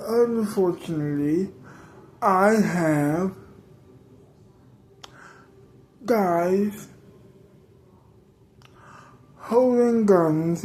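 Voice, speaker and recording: A woman voicing a scheming, cruel female crime boss who makes calm, taunting threats in an improvised spoken story. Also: mid-range voice, close to an everyday voice. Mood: menacing.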